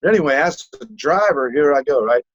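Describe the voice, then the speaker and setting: A man's voice: on the high side, animated, a little fast, no room sound, dull audio. A man co-hosting a casual podcast, telling stories animatedly, acting out voices and swearing freely. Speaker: podcast co-host.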